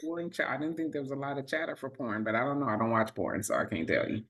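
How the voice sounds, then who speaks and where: Lively, sarcastic woman in casual talk. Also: a bass voice. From Texas. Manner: sarcastic, emphatic, quick to joke. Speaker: podcast co-host. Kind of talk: casual political chat.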